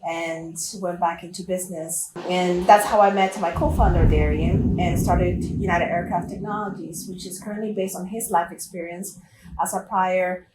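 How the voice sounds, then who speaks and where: Woman CEO from Puerto Rico, lower voice, earnest pitch, distant noisy recording. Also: steady tone, normal speed. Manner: earnest, businesslike explaining. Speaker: company CEO, interview guest. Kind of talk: recorded interview. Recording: echoey room, distant mic, background noise.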